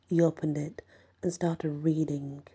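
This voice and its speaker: A woman narrating a horror short story in a hushed, often whispered delivery. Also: deep voice, little pitch movement, a little slow, husky. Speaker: audiobook narrator.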